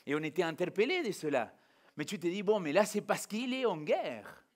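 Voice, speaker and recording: In an informal, interactive sermon to his congregation, an Argentine pastor whose native language is Spanish puts animated rhetorical questions directly to his listeners. His voice is high-pitched and moves at a normal speed.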